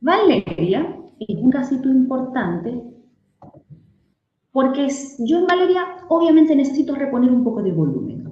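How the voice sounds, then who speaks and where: A woman's voice: on the high side, dark tone, roomy sound, dull audio. A woman doctor from Venezuela gives a clinical lecture to colleagues. She explains things step by step and works through patient cases. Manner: explanatory, addressing colleagues with case examples. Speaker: aesthetic medicine doctor giving a webinar talk.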